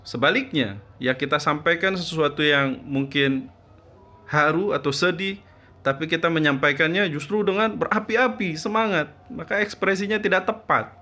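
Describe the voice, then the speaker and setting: A man's voice: fairly high pitch, normal speed, bright, forceful tone. A man teaching a class, explaining step by step and answering his own questions as he goes. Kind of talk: classroom lesson.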